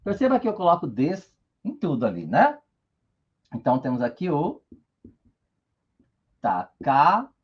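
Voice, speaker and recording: A man's voice: on the high side, huge pitch swings, measured pace, long pauses, breathy edge, highs cut off. A man teaching Japanese in an online lesson, patient and checking in often with short tags.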